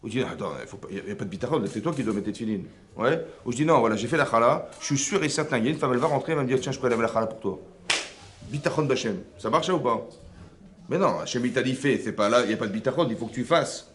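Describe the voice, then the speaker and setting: Animated rabbi teaching a class. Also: male voice, medium pitch, very fast, slight background noise. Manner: animated, rhetorical questions, frequent checks on understanding. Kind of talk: lively religious lesson with questions to the audience. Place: seminary classroom.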